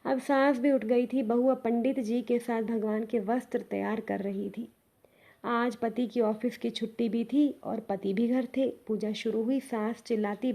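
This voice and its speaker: A woman narrating a scripted devotional story, gently and reverently addressing her listeners. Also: on the high side.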